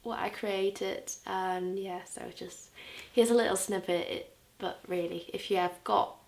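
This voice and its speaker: A young woman with a Scouse accent, a vlogger and music interviewer, chats enthusiastically in a year-in-review vlog, using frequent fillers. Her mid-range voice is gravelly and unhurried, with fairly even intonation.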